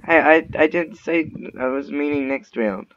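A man's voice: fairly high pitch, normal speed, a bit bright. A man chatting casually while playing a game, swearing and teasing his opponent. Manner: swearing, trash-talking, teasing. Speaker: gamer recording a Minecraft video. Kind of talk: casual gaming chat. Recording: dull muffled mic with faint noise.

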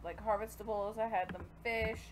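Pregnant and hot, this young gaming video creator gives casual commentary on her gameplay and talks chattily to the characters in the game. Her mid-range voice keeps a steady tone at normal speed over a noisy background.

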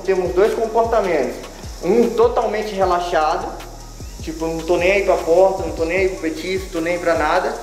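A man with a Brazilian accent and a somewhat high voice gives an informal dog-training demonstration in a large, bare, tiled indoor room. He stands far from the mic, the space echoes heavily, and music plays in the background. He walks through each step casually, repeating phrases for emphasis.

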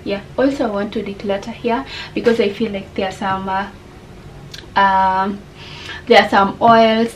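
A young adult woman with a Kenyan accent chats casually to camera in a home vlog from a small room, mixing Swahili words into her English. Her voice is medium-pitched, and the rough recording carries a little hiss or hum.

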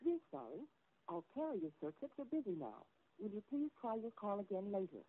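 A woman's voice: mid-range voice, brisk. Spliced-word phone recording of a woman. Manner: polite, even, formal phrasing. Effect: spliced-together recorded words. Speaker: telephone intercept announcer. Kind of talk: recorded telephone announcement. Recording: tinny phone line with loud hiss.

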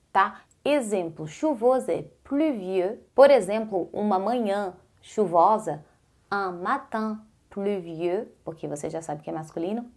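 A woman teaching a casual online French lesson, slowly repeating words for the viewer and encouraging them to practice along. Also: medium pitch, darkish tone. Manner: slow careful pronunciation drills, repeating words.

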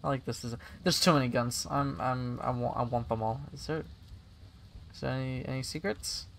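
A young man casually commentating a game stream, excitable and giggly, thinking out loud as he plays. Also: mid-range voice, normal speed, gravelly, a little hiss or hum.

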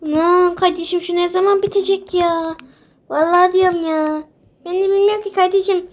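A woman's voice: extremely high pitch, steady tone, normal speed. A woman voicing a naughty young boy in a sandbox game, whiny and fed up.

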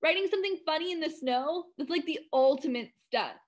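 Storybook read-aloud: a woman playing an excitable class-clown boy, high and quick. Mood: gleeful. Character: joke-loving schoolboy class clown.

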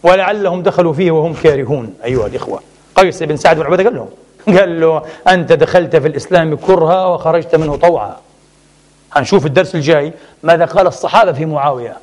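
Animated, sarcastic high-voiced male preacher. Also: racing. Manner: animated, sarcastic, mixes classical and colloquial Arabic. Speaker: preacher and lecturer. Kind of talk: religious lecture.

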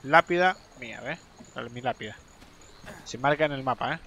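A man's voice: mid-range voice, moderate pace, bright, forceful tone, slight background noise. A young man giving chatty live commentary as he plays a game, talking straight to his viewers and swearing and yelping when fights go badly. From Argentina. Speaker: game streamer.

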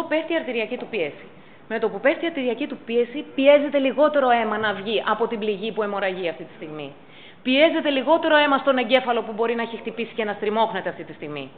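Female instructor, emphatic, fairly high lively delivery, phone-thin recording. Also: phone-quality sound, a little hiss or hum. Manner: emphatic, repeats key points. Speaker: first aid instructor. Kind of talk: public talk on pet first aid. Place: council chamber.

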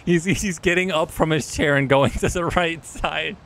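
A man's voice: a little high, moderate pace, a crowd in the background. A young man streaming a driving game, talking his vehicle through trouble with dramatic pleading. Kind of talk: casual gaming chat.

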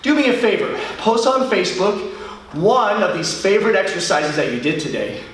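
A man's voice: sits high, expressive, moderate pace, a bit bright, slight background noise. A middle-aged man, a martial arts instructor, leading a home workout class and counting reps aloud while he exercises. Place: large bare studio, indoors. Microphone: far camera. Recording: echoey studio from far off.

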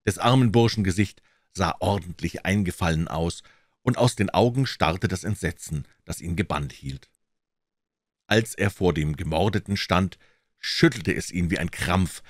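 A man reading a classic novel aloud as scripted narration, with expressive, dramatic storytelling. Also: low voice, moderate pace, dry recording, clean studio sound. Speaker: audiobook reader.

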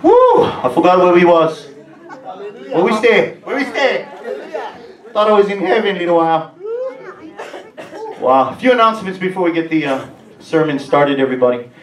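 Upbeat pastor with a Hawaiian Pidgin lilt. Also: male voice, sits high, very animated, normal speed, pauses often. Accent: Hawaiian Pidgin-tinged English. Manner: upbeat, chatty, laughing asides. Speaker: pastor and worship leader. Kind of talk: church announcements. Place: stage of a large movie theater used as a church. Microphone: handheld mic on a stand, far camera. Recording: roomy theater sound from far off.

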